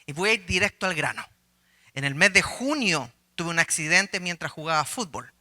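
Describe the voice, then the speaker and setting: A man's voice: on the high side, lively intonation, moderate pace, bright, forceful tone. A middle-aged man, a pastor giving a conversational sermon, telling a personal story with humor and questions to his listeners.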